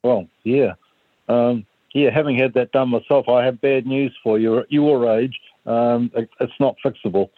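A thin, tinny phone line carries a man in his seventies calling talk radio. He is blunt and jocular, reminiscing conversationally at a middling pitch. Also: steady tone, normal speed, no room sound. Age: 70s. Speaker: phone-in caller. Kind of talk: casual storytelling chat. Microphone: telephone.

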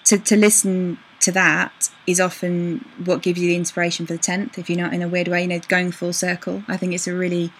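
A woman interviewer talking in a chatty, gushing way that is quick to laugh. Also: lowish voice, flat delivery, slight background noise, poor audio. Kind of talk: casual interview chat.

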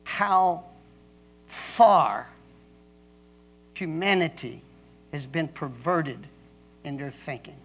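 A middle-aged man preaching a sermon as pastor, emphatic, with pauses and restarts. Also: a little high, expressive, fairly bright tone.

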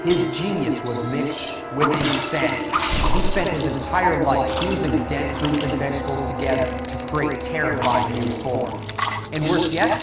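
A man voicing a sensible but easily rattled cartoon pear, casual and a little dramatic, his voice pitched up. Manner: casual, dramatic when storytelling. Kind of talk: cartoon voice acting. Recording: echoey far-off playback over music.

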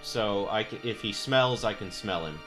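A man's voice: fairly low pitch, normal speed, over music. A man chatting casually as a player, stating his moves in a tabletop game.

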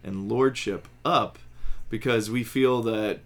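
A pastor on a podcast explains doctrine in a man's mid-pitched voice. He is confident and teacherly, posing rhetorical questions to make his points. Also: steady tone, slow pace. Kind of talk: casual theological discussion.

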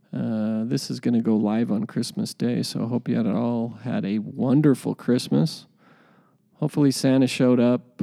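A man with a relaxed, creaky voice hosts a podcast. He talks casually and hesitantly, musing in loose, informal buddy slang. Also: mid-range voice. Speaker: podcast host. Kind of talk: casual, rambling podcast talk.

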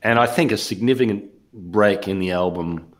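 Low-voiced man reviewing an album. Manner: measured, explanatory, steers the discussion. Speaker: podcast host reviewing an album. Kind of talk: casual music review chat.

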